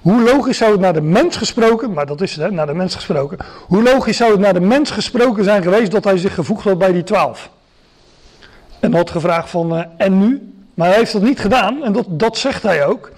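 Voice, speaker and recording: Male preacher, high voice, teaching sermon, halting delivery with many fillers. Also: expressive, darkish tone. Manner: explanatory, many hesitations and restarts.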